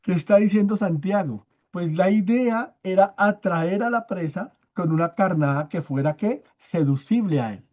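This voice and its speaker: Leading a church Bible study, a man walks through the material step by step, frequently checking in with his listeners and slowly repeating key words for emphasis. His voice sits high, and the recording, made on his own microphone, has the highs cut off.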